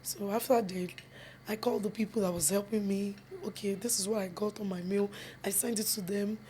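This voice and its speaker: Her medium-pitched voice is mellow, with slight background noise in the recording. This young Yoruba-accented Nigerian film producer and actress answers interview questions earnestly, mixing English and Yoruba within sentences and repeating phrases to make her point.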